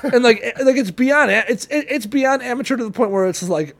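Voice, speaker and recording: A man in casual, profane chat, mocking a script with animated outbursts and stammered restarts. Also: very high-pitched, a little fast, creaky.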